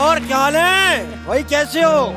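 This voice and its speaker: A man's voice: big pitch swings, takes it slowly. A man performing a comedy sketch, joking, singing and chanting to the crowd. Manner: joking, sings and chants in a high voice. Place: large TV studio stage. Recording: TV studio stage with loud music and audience. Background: loud music and a laughing studio audience.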